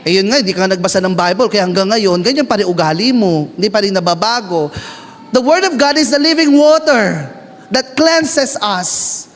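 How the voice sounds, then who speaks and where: A man's voice: expressive, moderate pace. A Filipino man preaching a sermon, mixing Tagalog and English, calling out to the congregation and acting out prayers. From Philippines. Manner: switches between Tagalog and English, calls out to the congregation; shifts pitch often, acts out prayers and asides. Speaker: pastor. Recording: long hall reverb.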